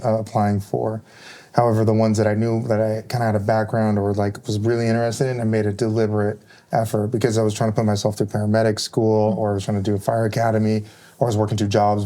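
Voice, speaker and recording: A man with a low, mellow voice talks quickly in a casual panel chat. He rambles loosely, padding his thoughts with fillers. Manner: rambling, many fillers like "kinda" and "like". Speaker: firefighter panelist.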